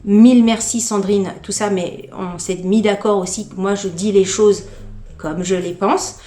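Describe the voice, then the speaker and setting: A lifestyle vlogger with a medium-pitched voice chats through an unboxing a little slowly, in a reverberant space. She's candid and gushing with excitement, often tripping over repeated words.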